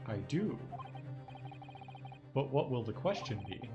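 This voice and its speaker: A man's voice: medium pitch, very animated, slow pace, dull audio, voice pushed down. A man voicing an anxious young male defendant who sounds earnest and flustered, over game music.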